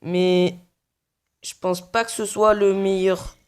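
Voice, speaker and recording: A man's voice: high voice, little pitch movement, slow pace, clear, resonant tone. A young man giving casual, muttered play-by-play commentary on his own mobile game match, swearing often. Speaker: gaming video creator.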